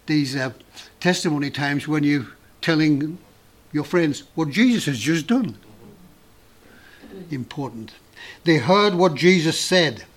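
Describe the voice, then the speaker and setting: A man preaching a sermon in an earnest, emphatic way with dramatic pauses. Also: on the high side.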